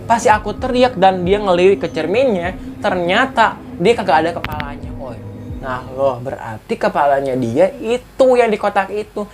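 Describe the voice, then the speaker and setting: A woman's voice: on the low side, lively intonation, moderate pace. A woman reading short horror stories aloud and chatting about each one, full of exclamations and laughter. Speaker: horror story YouTuber.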